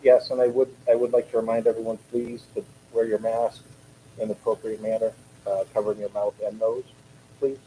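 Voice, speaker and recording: A man with a fairly low voice runs a public school board meeting from the table. He explains the order of business steadily and procedurally, with a faint hiss of background noise. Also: brisk, rough recording. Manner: procedural, steady, with small restarts.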